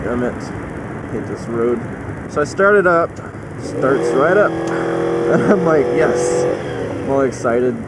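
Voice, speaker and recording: A man's voice: mid-range voice, lively intonation, slow pace, pauses often. A man casually rambling in a motorcycle vlog, often interrupting himself and swearing mildly, talking from inside a helmet as he rides. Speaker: motorcycle vlogger. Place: riding a motorcycle outdoors. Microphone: microphone inside a motorcycle helmet. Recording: inside a helmet, loud engine and wind noise.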